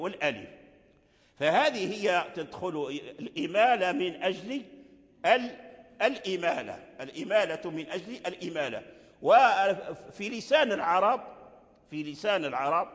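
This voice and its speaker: An older male teacher lectures on the readings of the Quran, explaining patiently and going back over his own words. He breaks into brief chanted examples. His voice sits high, and the recording carries a long reverb like a big hall. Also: fairly bright tone.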